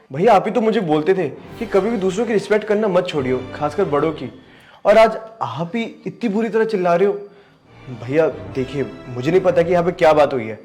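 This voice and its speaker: A man's voice: a little high, a little mellow, close to an everyday voice. A young man playing an earnest younger brother. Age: young adult. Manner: pleading, earnest, reproachful. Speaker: younger brother in a family skit. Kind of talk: scripted family drama skit.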